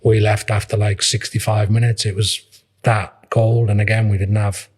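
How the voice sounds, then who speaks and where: A husky-voiced man in his fifties with a Liverpool accent, telling a long personal story in a rambling, casual way. His low voice stays flat and even, circling back and restarting as he goes. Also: moderate pace. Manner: rambling, with many restarts and reported speech.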